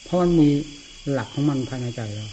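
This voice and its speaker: An older man, a Buddhist monk, giving a blunt, forceful dhamma talk in answer to a disciple. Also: mid-range voice, animated, fairly quick, slight background noise, low-quality recording.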